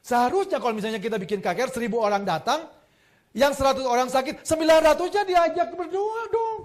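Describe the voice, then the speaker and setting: A man preaching a sermon as a pastor, telling lively stories with jokes and acted-out quotes, swinging between loud emphasis and soft asides. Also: very high-pitched, fast.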